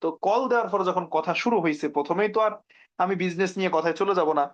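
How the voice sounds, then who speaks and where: A man's voice: high-pitched, quick pace. A man from Bangladesh coaching network marketers in a conversational way, acting out sample phone chats as he goes. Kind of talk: informal training talk. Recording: dull lo-fi recording.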